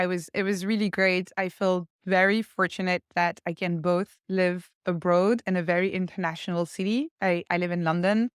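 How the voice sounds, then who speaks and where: Smooth-voiced French woman, reflective. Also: lowish voice, no echo, clean studio sound. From France. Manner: reflective, laughs easily. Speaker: podcast guest. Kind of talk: casual conversation.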